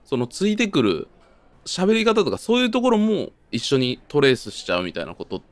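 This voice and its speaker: A man's voice: fairly high pitch, huge pitch swings, brisk, dry recording. A young man with a Kansai accent, chatting casually as a podcast co-host, explaining his thoughts in an agreeable way. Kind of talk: casual chat.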